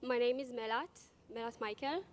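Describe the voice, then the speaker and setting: A woman's voice: fairly high pitch, moderate pace, slight background noise. A woman in her early twenties from East Africa, giving a personal account as a student panelist. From East Africa, later Israel. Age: early 20s.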